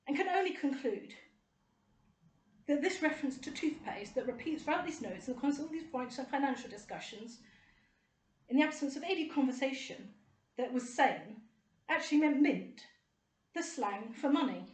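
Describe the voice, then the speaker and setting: High-pitched, indignant woman. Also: animated, normal speed, long pauses, echoey room, slight background noise. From United Kingdom. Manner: indignant, rambling, sarcastic. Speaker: vlogger. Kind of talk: personal monologue to camera.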